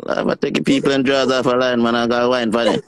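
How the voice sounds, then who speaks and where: A man's voice: medium pitch, little pitch movement, quick pace, slight background noise. A man hosting a casual live chat, joking and laughing often. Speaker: host. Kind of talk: casual banter on a live stream.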